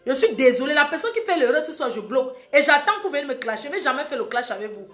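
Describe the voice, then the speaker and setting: A young woman with a high voice scolds her live-stream audience and hammers each warning home. She is recorded in an echoey room with faint music behind her. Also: sing-song, racing, fairly bright tone. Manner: scolding, emphatic, repeats warnings. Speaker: social media live host. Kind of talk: heated live-stream monologue.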